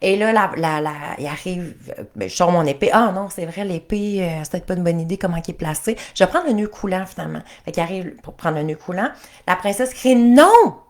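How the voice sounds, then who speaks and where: A woman with a Quebec French accent, a coach telling a story in a chatty, animated way with many restarts. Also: on the low side, fairly quick. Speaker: life and couples coach.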